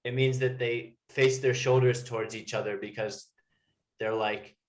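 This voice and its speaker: A man's voice: mid-range voice, little pitch movement, unhurried. A man tutoring English one to one, explaining informally with everyday examples. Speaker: English teacher.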